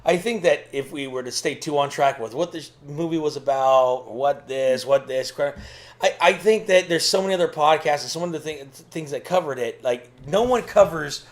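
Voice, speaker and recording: Rambling, profane male podcaster, higher-pitched voice. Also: moderate pace. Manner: rambling, emphatic, repetitive, swears freely. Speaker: podcast co-host. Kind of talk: casual, profane podcast banter.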